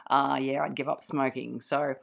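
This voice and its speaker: A hoarse woman, chatting as a guest about running, laughing often and using many fillers. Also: extremely low pitch, little pitch movement, normal speed, muffled recording. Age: late 40s. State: hoarse from yelling. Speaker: guest ultra runner. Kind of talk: casual chat.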